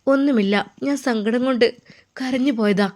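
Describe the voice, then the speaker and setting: A woman's voice: on the high side, unhurried, a little mellow, pitched above the performer's own voice, lightly acted. A woman voicing a fearful, guilt-ridden young woman who prays in pleading tears. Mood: subdued. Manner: pleading, trembling prayer.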